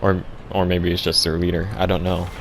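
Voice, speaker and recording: A young man telling an absurd comic story deadpan, rambling and halting with lots of restarts. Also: deep voice, gravelly, a little hiss or hum. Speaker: vlogger.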